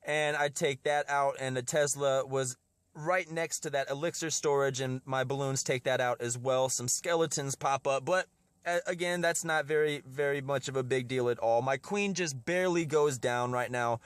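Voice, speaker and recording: A man's voice: medium pitch, normal speed, clean tone, dry recording. A man with a slightly stuffy nose from a cold, giving casual gameplay commentary as host of a strategy video and often repeating his words.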